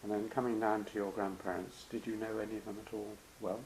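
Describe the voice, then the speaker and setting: A man conducts a relaxed interview, gently prompting his guest with questions and the occasional light joke. His voice sits on the low side, with a faint hiss behind it. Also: fast, rough recording.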